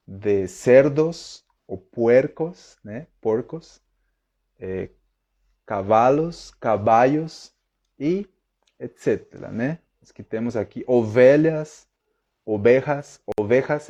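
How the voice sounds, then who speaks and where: Guy teaching on a live stream, slow and mellow, keeps asking if everyone's following. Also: mid-range voice, muffled recording. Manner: chatty, checks in with viewers often. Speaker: Spanish teacher. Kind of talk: live online lesson.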